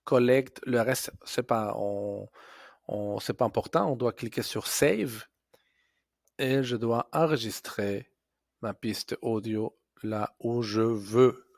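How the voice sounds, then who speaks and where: Teacher type, male, unhurried screencast delivery, dry close sound. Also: mid-range voice, darkish tone, dry recording. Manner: slow, step-by-step explaining with fillers and self-corrections. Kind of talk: software tutorial screencast.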